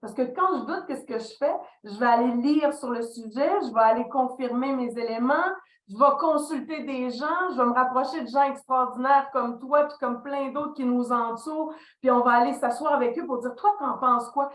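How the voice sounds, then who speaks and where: Speaking at a normal speed in a high-sitting voice, a middle-aged woman with a Québécois French accent reflects on her leadership consulting career as a podcast guest. She narrates animatedly and voices the quoted lines herself. The room is echoey.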